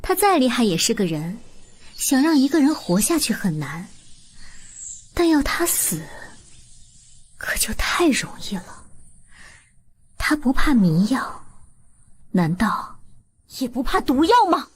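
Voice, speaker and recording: A vengeful young woman of a costume drama, plotting coldly in a high voice that swings widely. She speaks like a conspirator, often slipping into whispers, over faint noise. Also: sing-song, moderate pace. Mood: cold, murderous.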